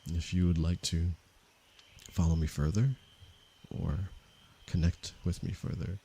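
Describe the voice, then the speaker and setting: A man from Canada, a meditation teacher, speaking softly and unhurriedly to viewers of his livestream. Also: sits low, steady tone, gravelly, a little hiss or hum. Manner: slow, soft-spoken and unhurried, with pauses. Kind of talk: calm livestream talk to viewers.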